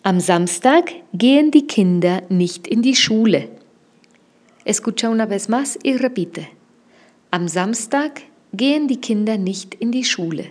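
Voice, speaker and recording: Slow, patient woman teaching German words. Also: on the high side, animated, darkish tone. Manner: patient, clearly enunciating drill prompts. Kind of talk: slow language lesson with repetition drills.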